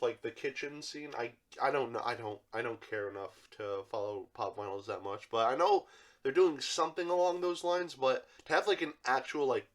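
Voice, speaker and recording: A young man with a congested, allergy-stuffed voice casually reviews an action figure, rambling with plenty of fillers. He's a toy reviewer and channel host, and his mid-range voice has a fairly bright tone.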